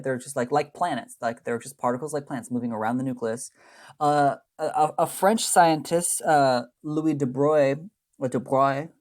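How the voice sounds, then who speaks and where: Man lecturing, chatty and self-correcting. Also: fairly high pitch. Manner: rambling, self-correcting, with frequent tag questions; plays down the math. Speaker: chemistry instructor. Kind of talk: recorded lecture explaining slides.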